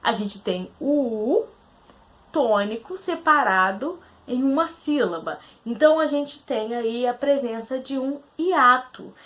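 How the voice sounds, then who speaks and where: In a recorded grammar lesson, a Brazilian woman teacher goes over quiz answers, posing questions aloud, answering them herself and slowly spelling out syllables. Her voice is a little high and a bit bright.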